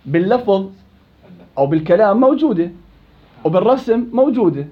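A high-pitched man runs a quick-fire recitation lesson, calling on students by name and teasing them along. The recording is dull and lo-fi. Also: animated. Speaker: Quran recitation teacher. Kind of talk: interactive classroom lesson.

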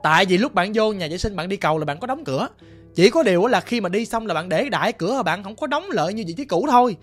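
A man with a Southern Vietnamese accent telling a ghost story in a chatty, colloquial way, swinging between hushed and loud. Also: high voice, expressive, fast, soft background music. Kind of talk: spoken ghost story narration.

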